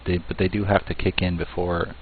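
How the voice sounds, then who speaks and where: A man giving play-by-play commentary on a strategy game match, talking in a measured way with fillers and restarts. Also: low-pitched, little pitch movement. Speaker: esports caster. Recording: tinny phone-like line, faint noise.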